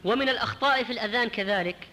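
Fast, bright-voiced male preacher in a hall. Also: very high-pitched. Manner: explanatory, demonstrating pronunciation slowly. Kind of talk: religious lesson.

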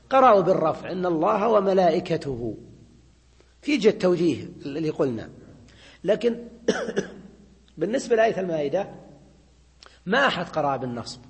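In a classroom, a man teaches Arabic grammar, explaining things step by step, repeating his points, and continually checking in with his students. His voice is high, and the recording has a big-room sound.

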